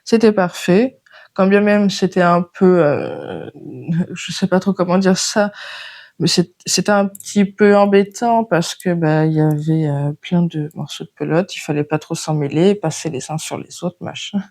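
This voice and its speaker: Slow, mellow French woman chatting. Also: lowish voice, steady tone. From France. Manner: chatty, hesitant, many fillers. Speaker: knitting podcast host. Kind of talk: casual chat.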